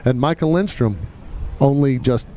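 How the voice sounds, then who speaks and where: A man's voice: medium pitch, normal speed, dark tone, slight background noise. A man announcing a live air show competition, calling takeoffs with a showman's flair and addressing the crowd. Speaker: event announcer. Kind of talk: live sports commentary.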